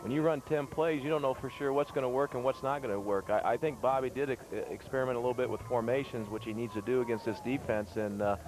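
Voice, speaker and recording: A middle-aged male analyst gives unscripted football commentary. He talks quickly at an average pitch, conversationally doubling back on words as he explains. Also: steady tone, low-quality recording. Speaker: color analyst, former coach.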